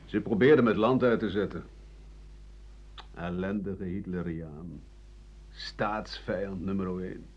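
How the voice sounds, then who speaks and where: In a muffled 1980 radio broadcast, an actor with a deep, exaggerated male voice delivers a drama monologue as a bitter, aging exiled writer-doctor. His speech is sardonic and halting, often sinking to a husky mutter.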